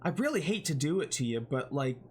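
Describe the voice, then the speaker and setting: A man's voice: fairly high pitch, big pitch swings, brisk, a little mellow, breathy edge. A man running a tabletop game as game master, asking the players patient questions.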